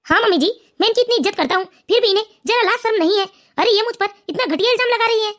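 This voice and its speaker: A woman's voice: extremely high pitch, racing, fairly bright tone. A woman voicing a smug, mocking young son-in-law in a cartoon family story. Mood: sneering.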